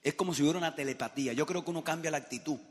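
A man's voice: fairly high pitch, rapid-fire. A middle-aged man with a Cuban Spanish accent, giving a live motivational business talk and questioning his audience emphatically. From Cuba. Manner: emphatic, addresses the crowd directly with questions. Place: large hall with a live audience. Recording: long hall reverb, crowd noise.

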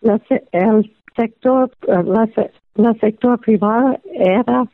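Slow, halting American-accented woman on the radio. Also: on the high side, dry recording. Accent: American accent in Spanish. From United States. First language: English. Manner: halting, searching for words in non-native Spanish. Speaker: interview guest, former diplomat. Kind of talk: radio interview, opinion and anecdote. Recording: phone-like narrow band radio sound.

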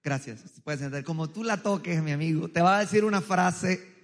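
A man preaches to a crowd, his loud, strong, high-pitched voice carrying through a big hall with long reverb. He jokes, tells stories and keeps asking the congregation for a show of hands. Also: fairly quick. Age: adult, married. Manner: joking, storytelling, quizzing the crowd. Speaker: pastor. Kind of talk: humorous sermon with audience interaction. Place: large church hall with tiered seating.

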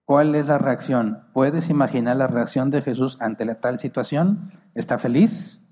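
A man's voice: medium pitch, unhurried, warm tone, in a large hall. A man preaching a Bible teaching sermon who explains passages, reads commentaries aloud and asks his listeners rhetorical questions.

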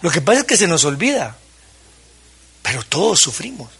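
A man delivers a sermon as a pastor, his voice bright and forceful with a husky grain. He sits a touch higher than the typical male voice, and he turns to his listeners with direct questions and plays out remembered conversations. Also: big pitch swings, moderate pace. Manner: preaching to pastors, with questions and acted-out quotes.

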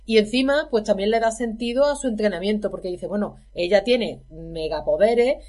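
A woman's voice: medium pitch, normal speed, darkish tone. A woman in a casual film discussion, talking in an exasperated, emphatic way. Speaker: film commentator.

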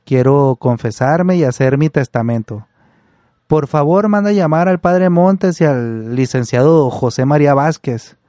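A proud, condemned old general, earnest and a touch indignant, as a storyteller reads him. The voice sits somewhat high and is recorded dry and close, with no room sound. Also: male voice, animated, unhurried, warm tone, dry recording.

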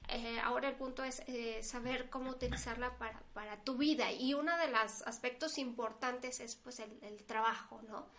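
A woman's voice: a little high, moderate pace, hardly any pauses. A woman co-hosting a podcast in casual chat, talking conversationally and acting out what people say. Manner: conversational, quotes people in lively asides. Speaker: podcast co-host.

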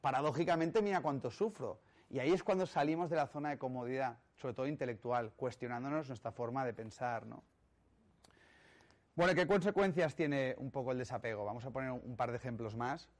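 A man's voice: mid-range voice, a little fast. A man from giving a motivational talk, emphatic and rhetorical, often checking in with the audience. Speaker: speaker on personal growth.

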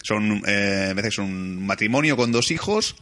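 A man chatting excitedly about a film on a podcast, swearing and laughing often. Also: fairly low pitch, measured pace, slight background noise. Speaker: podcast co-host. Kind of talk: casual film-review chat.

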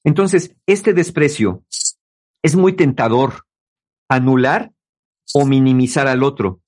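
A man hosting a talk on relationships, explaining to his listeners in a lively way. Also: medium pitch, slow, slightly rough. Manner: lively, acts out quoted people in mocking voices. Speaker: host giving relationship advice.

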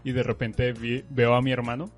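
Mexican man, podcast co-host, mid-pitched, giggly anecdote teller, faint music behind. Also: level tone, normal speed. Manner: laughs often while telling anecdotes. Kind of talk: casual chat.

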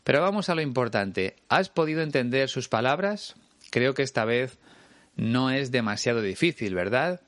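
A man's voice: medium pitch, lively intonation, moderate pace, a bit bright, no room sound. A man from Spain with a Spain Spanish accent, teaching a language lesson and patiently explaining things straight to the listener. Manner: patient, clear and explanatory, addressing the listener directly.

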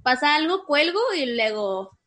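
A woman in a casual chat, cheerful and quick to laugh. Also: high voice, big pitch swings, bright, forceful tone.

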